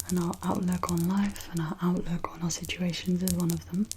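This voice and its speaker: A woman gives a gentle, reassuring whispered pep talk as guided ASMR relaxation, in a soft breathy whisper with pauses. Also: on the low side, level tone, slight background noise. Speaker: ASMR host guiding relaxation.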